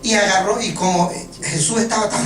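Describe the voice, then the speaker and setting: A preacher giving a joking, animated sermon, often stumbling over repeated words. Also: mid-range voice. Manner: animated, joking, halting restarts. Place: church hall. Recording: echoey room from far off, music behind.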